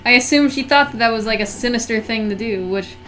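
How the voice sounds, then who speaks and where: A woman's voice: a little high, quick pace, fairly bright tone, slight background noise. A woman giving casual commentary as co-host of a game playthrough. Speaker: let's play co-host. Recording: music playing behind.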